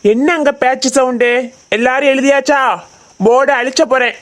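A woman's voice: sits high, steady tone, normal speed, natural voice. A woman voicing a stern tuition teacher in a cartoon, scolding and bossy.

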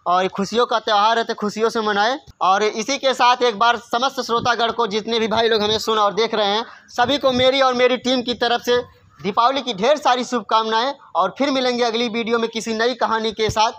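A man's voice: very high voice, steady tone, a little fast, a bit bright. Earnest man signing off. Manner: earnest, courteous sign-off. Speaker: sketch creator. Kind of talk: video outro address.

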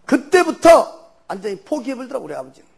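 Gravelly older man, Jeolla accent. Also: very high voice, quick pace. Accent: Jeolla Korean. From Jeolla region, Korea. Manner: animated storyteller, loose and folksy. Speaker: church elder giving testimony. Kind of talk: personal testimony storytelling.

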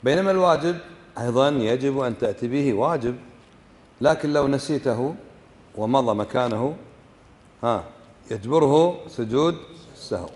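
A man's voice: mid-range voice, normal speed, long pauses, darkish tone, long reverb tail. A man with a Kuwaiti Arabic accent teaching a religious lesson, often questioning the class and demonstrating how words are pronounced. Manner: asks the class frequent questions and demonstrates pronunciations. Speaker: sheikh teaching fiqh. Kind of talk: religious lesson explaining a book.

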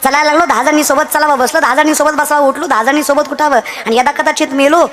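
Young woman from maharashtra preaching a kirtan, super high voice, fiery and chanting, pushing hard. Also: fairly even intonation, quick pace. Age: young adult. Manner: impassioned, chants verses, exhorts loudly. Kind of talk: devotional kirtan sermon.

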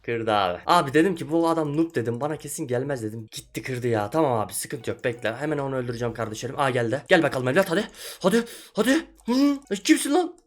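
A young man giving chatty, excitable commentary over his own gameplay, often shouting when frustrated. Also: medium pitch, rapid-fire, few pauses. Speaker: gaming YouTuber.

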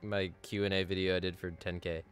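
A man live-streaming a game, excitable and laughing as he swears and thanks donors. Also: low voice, a little fast, clear, resonant tone, soft background music. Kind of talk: live gaming stream chat.

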